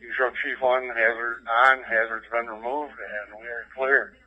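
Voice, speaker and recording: A man's voice: medium pitch, little pitch movement, measured pace, sharp tone, dull audio. A man, a firefighter, giving terse updates to dispatch over scanner radio.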